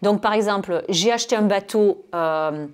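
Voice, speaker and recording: A woman from France teaches English pronunciation in a video lesson. She speaks at a middle pitch and explains each point patiently, often dropping in "euh" and a tag "hein". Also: moderate pace, clean tone.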